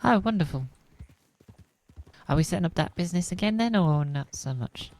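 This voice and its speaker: A woman's voice: lowish voice, animated, moderate pace, a little mellow. A woman speaking in character in a roleplay game, rambling and worried. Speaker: roleplay gamer.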